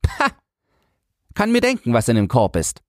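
A man reads a small, frightened boy who keeps watch over rubble, his voice pushed high and thin. He sounds timid and stubborn, grief held back, with a husky edge and swinging intonation, recorded close and completely dry. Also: huge pitch swings, a little slow, dry recording, heavily acted. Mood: boastful. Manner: timid, stubborn, quietly grieving. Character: frightened nine-year-old boy guarding rubble. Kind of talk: audiobook character voice.

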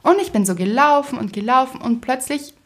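A woman tells a story on a podcast in a relaxed, chatty way. Her voice sits fairly high, and she laughs often as she talks. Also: a little fast, noisy background. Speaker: podcast co-host. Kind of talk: casual chat.

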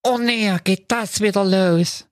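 A man's voice: high voice, takes it slowly, no room sound, studio quality, voice pushed up. A man voicing a soppy, sentimental pig. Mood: groaning.

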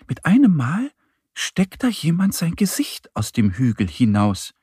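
A man narrating a children's audio story in a lively, expressive way, with a husky voice. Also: a little high, unhurried, no room sound, clean studio sound.

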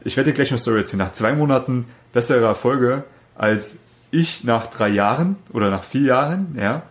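A man's voice: mid-range voice, expressive, moderate pace. Casual German-speaking dating coach man. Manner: loose, rambling storytelling with fillers and self-corrections. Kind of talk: casual podcast chat.

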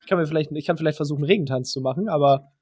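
A man co-hosting a podcast, arguing his points casually in quick reasoning steps. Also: on the high side, darkish tone, husky. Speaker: podcast co-host.

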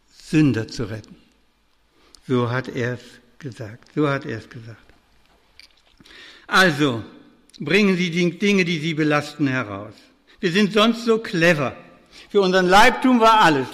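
An older man preaches to a congregation with a fairly high voice that carries a long hall reverb. He speaks to his listeners directly, pressing some lines out with urgency and letting others drop low and soft. The style is a pastoral sermon lecture.

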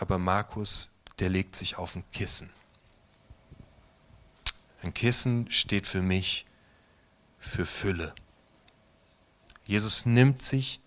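A pastor gently guiding listeners through a meditation in a theater, speaking softly and sometimes in a whisper. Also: male voice, lowish voice. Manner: slow, soft, at times whispered guidance. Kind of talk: guided meditation within a sermon. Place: theater stage. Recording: guitar music playing underneath. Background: soft guitar music.

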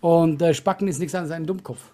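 A man's voice: a little high, steady tone, fast, dark tone. A man who does stand-up, co-hosting a casual podcast, chatty and insistent as he explains his view. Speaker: stand-up comedian, podcast co-host.

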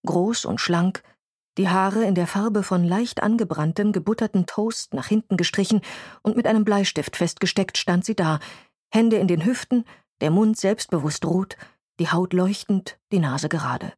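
Woman reading a novel out loud, calm and descriptive, dead dry mic. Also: mid-range voice, slightly rough, dry recording. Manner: measured, descriptive. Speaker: audiobook narrator. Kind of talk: scripted narration.

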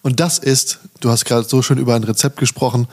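A man from the Bergstraße region hosts a podcast in a relaxed, chatty manner. His voice has a gravelly, creaky edge. He puts friendly questions to his guest. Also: medium pitch, fast. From Bergstraße area, southern Germany. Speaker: podcast host. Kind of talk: casual chat.

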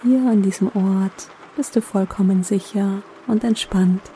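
A woman guiding a sleep meditation in a gentle, soothing, unhurried manner with long pauses. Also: medium pitch, steady tone, slight background noise. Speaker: meditation guide, host.

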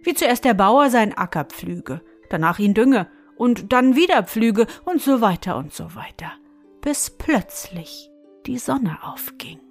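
A woman tells a fairy tale at an unhurried, deliberate pace. She reads expressively and turns to the listener with small asides. Soft music plays faintly behind her. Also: a little high, animated. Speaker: storyteller.

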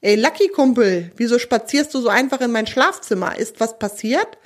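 A woman voicing a cheerful, teasing male magic motorcycle in a children's audio story, talking in a relaxed, joking way. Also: on the high side, moderate pace.

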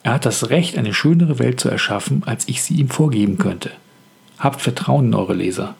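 A man hosts a scripted podcast on writing, and his voice is deeply husky with a rough, gravelly texture. He speaks in a calm, reflective and measured way, at a middle pitch. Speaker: author and podcast host.

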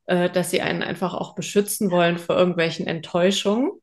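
Talking fast in a fairly low, steady voice, a female podcast co-host chats in a casual, reflective way. She seems to be thinking out loud as she talks.

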